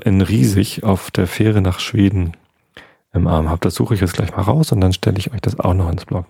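A man hosting a sleep podcast who calmly reads a bedtime story aloud, with small slips and restarts. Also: on the low side, gravelly, breathy edge, no room sound, clean studio sound. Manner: calm reading with small slips. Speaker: podcast host.

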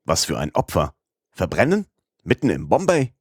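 A man's voice: sits low, normal speed, dry recording, clean studio sound, close to an everyday voice. A man reading a stern older judge in an audiobook, curt and questioning. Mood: astonished.

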